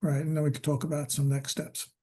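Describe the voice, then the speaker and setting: A man chairs a public commission meeting over a video call, his voice mellow and low in brightness but pitched a little high. He talks in a halting way, stopping on fillers, and his voice is going. He runs motions and roll calls in a plain, procedural way. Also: flat delivery, slightly rough. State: losing his voice.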